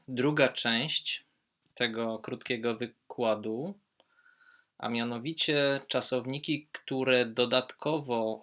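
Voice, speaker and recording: A male German teacher talks through verb endings in a slow, unhurried way. His voice is bright and clear, and he calmly leans on each example word he wants learners to remember. It sounds like an online lesson recording. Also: mid-range voice. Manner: patient, explains step by step, stresses German example words.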